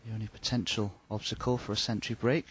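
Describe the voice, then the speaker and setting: A man giving hushed, measured and understated snooker commentary. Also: lowish voice, flat delivery, background noise.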